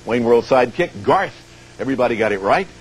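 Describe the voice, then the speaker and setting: A man's voice: medium pitch, expressive, fast, low-quality recording. An American man hosting a TV game show, presenting to players and viewers and explaining things step by step. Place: TV studio.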